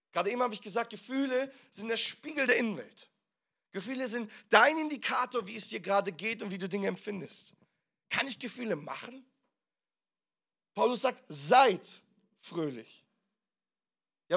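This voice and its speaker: A man preaching a sermon as pastor, asking the congregation questions and stressing key words loudly. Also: high-pitched, creaky. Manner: preaching with sudden loud emphasis and rhetorical questions.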